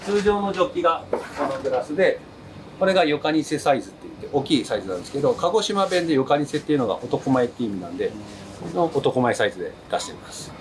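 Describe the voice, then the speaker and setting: A man's voice: a little high, very animated, rapid-fire, background noise. A man from Kagoshima who runs a small izakaya. He eagerly explains his dishes and drinks, with frequent fillers. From Kagoshima, Japan. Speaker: restaurant owner. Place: busy small izakaya, indoors.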